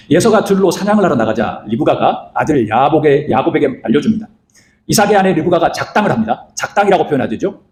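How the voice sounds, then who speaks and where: A man's voice: on the high side, roomy sound. A male pastor preaching a sermon, retelling scripture and asking rhetorical questions. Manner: animated, rhetorical questions, acts out quoted lines.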